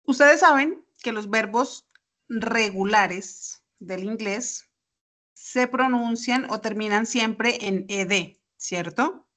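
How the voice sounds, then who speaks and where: Slow, patient woman teacher. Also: on the high side, fairly bright tone. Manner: patient, explains step by step with examples. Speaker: English teacher. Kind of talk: online class explanation. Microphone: computer mic on a video call.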